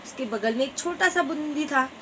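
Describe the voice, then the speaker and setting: A woman narrating a children's story in a slow, expressive storytelling manner with drawn-out words. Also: sits high, slight background noise, poor audio.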